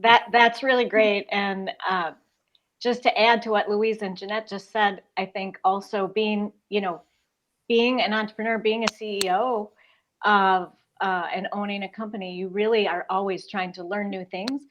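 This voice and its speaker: A woman's voice: mid-range voice, fairly even intonation, normal speed, dull audio, background noise. A woman moderating an online panel, upbeat and encouraging, handing the turn to each guest. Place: video call.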